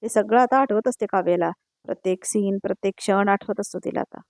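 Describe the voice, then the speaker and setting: A woman's voice: medium pitch, brisk, darkish tone, dry recording, studio quality. Woman casually recapping a TV serial. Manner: conversational, repeats "now she says" tags between quoted lines. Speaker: TV serial episode recap narrator. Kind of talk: casual spoken episode recap voice-over.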